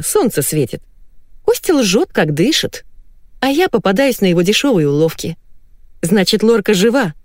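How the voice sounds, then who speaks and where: Woman reading a novel, wry and playful, bouncy pitch, dry close mic. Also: dry recording. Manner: ironic, lively storytelling. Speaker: audiobook narrator. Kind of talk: first-person novel narration.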